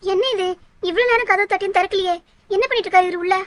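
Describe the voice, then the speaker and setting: A woman's voice: extremely high pitch, fairly even intonation, rapid-fire, no echo. A woman playing a wailing village sister. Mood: frantic. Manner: pleading, wailing, panicky. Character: frantic grieving village woman, dead man's sister.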